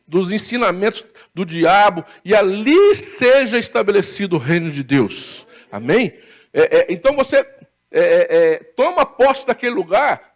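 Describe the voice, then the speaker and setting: Male pastor, from Brazil, conversational sermon, high voice, tells jokes. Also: vocal fry. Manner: conversational preaching, frequent tag questions, laughs at own stories. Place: church.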